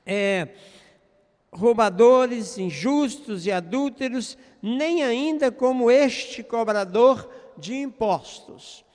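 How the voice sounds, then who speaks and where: A preacher acting out a loud, boastful Pharisee. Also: male voice, sits high, expressive, drawn-out words, pauses often, smooth, big-room sound, heavily acted. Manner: loud, self-exalting, shouting prayer. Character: arrogant boastful male Pharisee praying aloud.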